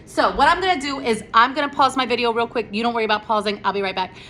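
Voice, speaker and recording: A woman's voice: fairly high pitch, very fast, pushed and bright, a little hiss or hum. A woman teaching math to her students in a chatty, casual tutorial. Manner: chatty, talks directly to students. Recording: echoey room with faint ambience.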